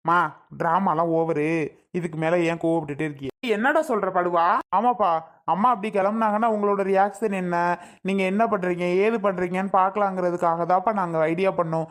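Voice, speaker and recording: A woman's voice: lowish voice, brisk, close to an everyday voice. A woman voicing a young adult son in a cartoon, easygoing as he explains a family prank. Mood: explaining.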